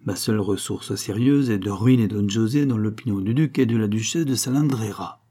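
A man reads a novel aloud as an audiobook narrator, keeping a steady, even delivery. His voice has a dark, mellow color with a husky grain, at a middle pitch. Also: normal speed.

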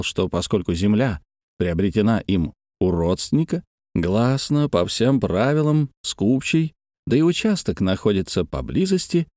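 A man narrating a story aloud, addressing his listeners, with expressive reading. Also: lowish voice, no echo, studio quality.

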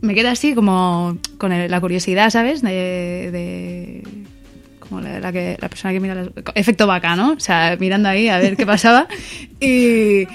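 A woman in a casual discussion, telling an anecdote in an animated way. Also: medium pitch, moderate pace, soft background music. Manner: animated storytelling, acts out quoted voices. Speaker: radio show participant.

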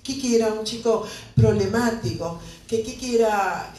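A woman's voice: on the high side, normal speed, a little mellow, soft background music. A middle-aged woman with a Buenos Aires accent giving emotional personal testimony at a press conference, full of rhetorical questions. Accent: Buenos Aires Spanish. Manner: impassioned, with repeated rhetorical questions. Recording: echoey room, mic far off.

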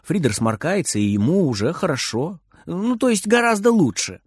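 A male narrator reads a children's storybook in an animated way, his voice fairly high and rising and falling a lot. The sound is close and dry, with no room echo. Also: normal speed, slightly rough. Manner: expressive, animated reading.

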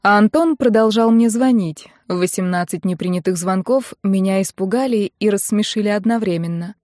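Calm woman narrating an audiobook. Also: medium pitch, moderate pace, no room sound, studio quality, soft background music. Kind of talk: first-person audiobook narration.

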